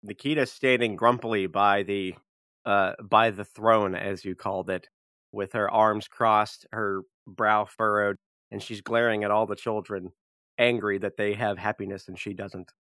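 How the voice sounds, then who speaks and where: A man's voice: fairly low pitch, steady tone, unhurried, a bit bright, dry recording, clean studio sound. A man playing a tabletop role-play game, joking and giggly as he describes his character. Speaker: player. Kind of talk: casual chat and in-character description.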